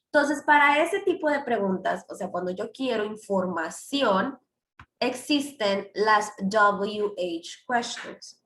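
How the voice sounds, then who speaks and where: A woman's voice: mid-range voice, a bit bright, echoey room. A woman teaching English grammar in a class, explaining with many fillers and English examples.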